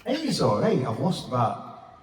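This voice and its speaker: A man's voice: medium pitch, wildly swooping pitch, moderate pace, background noise. Sweary Sheffield man in his fifties. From England. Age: 50s. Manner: blunt, sweary, rambling storytelling. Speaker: stand-up comedian. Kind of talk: stand-up comedy set. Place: pub function room. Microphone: stage mic with reverb. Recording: echoey reverb room from far off.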